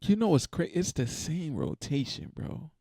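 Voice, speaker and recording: Guy doing a reaction vid, rough fry in his voice, cussing and exasperated, dry sound. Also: fairly high pitch, wildly swooping pitch, normal speed, mellow, no room sound. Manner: blunt, profane, exasperated. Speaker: reaction video host. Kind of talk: casual reaction rant.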